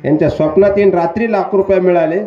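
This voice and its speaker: Man preaching a kirtan, high voice, asks the crowd stuff, echoey hall, instruments playing behind. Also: fast. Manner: animated, questioning the audience. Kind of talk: devotional kirtan sermon with storytelling. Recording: echoey, slightly dull hall recording. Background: instrument music.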